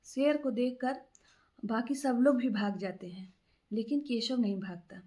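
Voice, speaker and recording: A woman's voice: fairly high pitch, a little slow, mellow. A woman casually telling a moral story aloud, unscripted, with frequent fillers and restarts.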